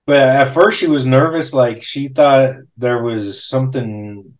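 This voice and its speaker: An easygoing man hosts a casual podcast chat. His mid-range voice stays relaxed. His replies are brief and loose, dotted with small fillers. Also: medium pitch, measured pace. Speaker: podcast host.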